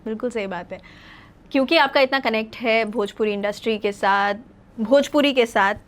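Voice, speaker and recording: A woman's voice: on the high side, moderate pace. A woman hosting a podcast interview, asking long, framed questions and affirming often. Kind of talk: interview conversation.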